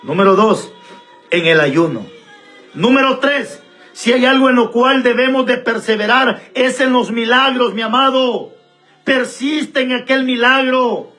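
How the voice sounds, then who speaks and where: High, bright-voiced preacher. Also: male voice, measured pace, soft background music. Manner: emphatic, repetitive preaching that speaks straight to listeners. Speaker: pastor. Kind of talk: sermon.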